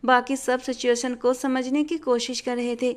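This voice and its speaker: A woman narrating a dramatic family story in a steady, expressive reading. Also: high voice, moderate pace.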